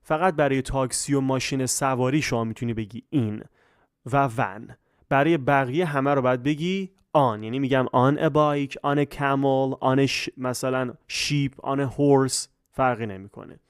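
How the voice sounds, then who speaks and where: A man teaching English grammar in Persian, slowing down for English examples and often asking his listeners if they follow. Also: medium pitch, clear, resonant tone, no room sound, studio quality. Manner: repeats check questions, slows down for English examples.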